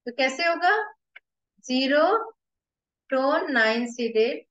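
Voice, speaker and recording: High-voiced Indian woman teaching slowly. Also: fairly bright tone. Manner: explains step by step, mixing Hindi and English, slow and deliberate. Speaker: acupressure teacher. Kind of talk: whiteboard lesson. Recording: echoey room, slightly dull.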